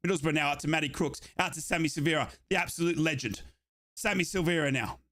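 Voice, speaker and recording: On a watchalong stream, a young Aussie man calls a football match live, yelling with excitement, saying things over and over, and growing hoarse. He talks fast with a fairly high voice.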